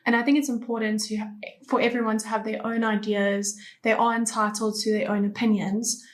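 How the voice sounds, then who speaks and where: Young woman, slightly high, reflective. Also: little pitch movement, brisk. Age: 20s. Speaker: panelist. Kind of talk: casual panel discussion.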